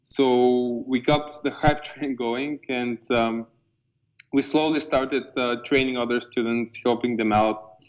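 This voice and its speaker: A man's voice: mid-range voice, fairly even intonation, slow, dull audio. Young Bulgarian-accented man, casual storytelling. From eastern Bulgaria. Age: 20s. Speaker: software company co-founder being interviewed.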